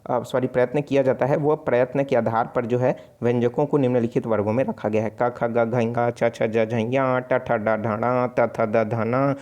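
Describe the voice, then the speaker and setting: A man's voice: medium pitch, fairly even intonation, unhurried, few pauses, a little mellow, lo-fi sound. A man with a Chhattisgarhi accent teaching an online exam-prep class, explaining steadily, sounding out letters and correcting himself often. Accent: Chhattisgarhi Hindi. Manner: explanatory, repeats sounds aloud, frequent self-corrections. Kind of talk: casual spoken lesson.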